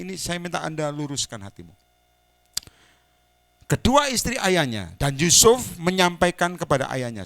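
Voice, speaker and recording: A man's voice: mid-range voice, vocal fry, fairly bright tone, dry recording. A man preaching an informal Bible-study sermon, teasing the congregation and prodding them for amens and read-alouds. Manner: acts out little everyday dialogues. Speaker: pastor.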